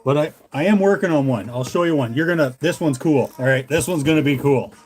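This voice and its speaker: A man with a brisk, fairly high voice and a Canadian English accent runs a casual livestream. He's a hobbyist lure maker who chats with viewers in a relaxed, folksy, meandering manner.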